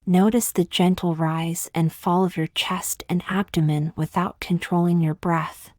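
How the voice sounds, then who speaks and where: A woman with a slightly low voice guides a meditation gently, slowly and with measured phrasing, leaving long pauses between instructions. Her intonation stays fairly even, and the recording is dry and close-miked.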